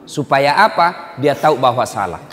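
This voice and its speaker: A man preaching a humorous sermon, joking and acting out family scenes, now and then bursting into shouts. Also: medium pitch, sing-song, moderate pace. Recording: echoey hall.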